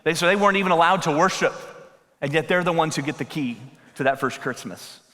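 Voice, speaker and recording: A man's voice: fairly high pitch, fast talker, bright, forceful tone. A man preaching a sermon into a pulpit microphone, conversational and joking, then building to emphatic appeals. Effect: speaking into a pulpit microphone. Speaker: pastor. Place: church sanctuary. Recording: long hall reverb.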